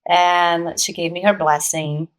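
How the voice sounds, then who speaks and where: Over a rough recording, this Brazilian actress in her forties talks in a lowish voice, unhurried, with a Brazilian Portuguese accent in her English. As a guest in a casual interview, she recounts her story animatedly, laughing a lot and performing the quoted voices.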